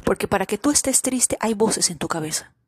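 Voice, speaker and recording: A woman hosting a spiritual podcast, speaking slowly and deliberately and pressing her listeners with repeated rhetorical questions, at times dropping to a whisper. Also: medium pitch, animated, slightly rough, no room sound, clean studio sound. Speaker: podcast host. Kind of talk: reflective spiritual monologue.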